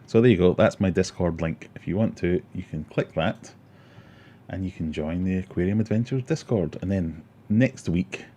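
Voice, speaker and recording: This Glaswegian man in his forties has a low, dark, husky voice. He hosts a casual livestream from Scotland, reading comments, chatting with viewers and telling stories that poke fun at himself.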